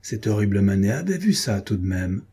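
A man's voice: mid-range voice, a little slow, mellow, husky. A man voicing a grief-stricken male painter, obsessive and volatile, with a feverish, exclamatory way of speaking. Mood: rapt, murmuring.

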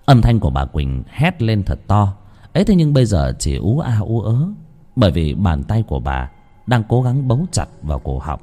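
A man narrating a horror story in an expressive, dramatic reading. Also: on the low side, moderate pace, soft background music.

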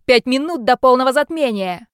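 A woman voicing a crazed male bandit leader who barks shrill commands in an audiobook. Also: expressive, measured pace, dry recording, clean studio sound, natural voice. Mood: shrieking.

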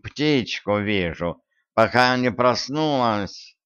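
A man's voice: mid-range voice, lively intonation, takes it slowly, fairly bright tone, smooth. A man voicing a greedy, grumbling tomcat in a storybook, with a whiny drawl over dull lo-fi audio.

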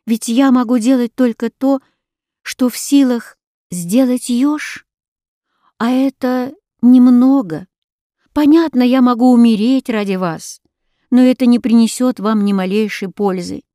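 A little male hedgehog from a storybook speaks in a thin, raised voice, earnest and devoted to his princess, as a woman reads him out. The tone stays mellow and soft around the edges. The sound is close and dry. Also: a little high, fairly even intonation, a little slow, no echo, pitched above the performer's own voice, lightly acted. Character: small gentle male hedgehog, loyal and wise.

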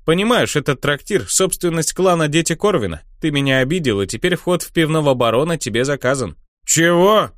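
Finiamin, a man doing a brash shouting herald. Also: a little high, expressive, no echo, studio quality, pitched above the performer's own voice, close to an everyday voice. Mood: smug. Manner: cheeky, taunting, rapid patter. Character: brash loud young male herald player.

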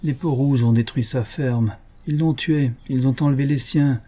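Guy doing a dying mom, gentle and solemn, husky mellow voice pushed up high. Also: moderate pace, lightly acted. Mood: anxious. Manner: raised pitch, solemn blessing tone. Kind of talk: audiobook character reading.

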